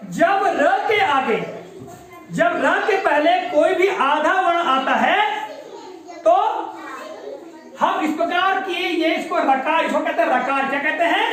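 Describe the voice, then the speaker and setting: Woman teacher, high voice, drills children by repetition, distant echoey classroom sound. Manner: patient, repeats words and quizzes children. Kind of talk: classroom lesson.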